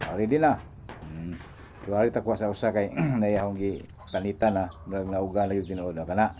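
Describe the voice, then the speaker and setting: A man's voice: low voice, a little fast, dark tone, a little hiss or hum. A man giving a casual cooking demonstration in his kitchen, chatting and laughing as he films with a phone in one hand. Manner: chatty, laughs often, talks while working. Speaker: cooking vlogger. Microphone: phone camera held in one hand.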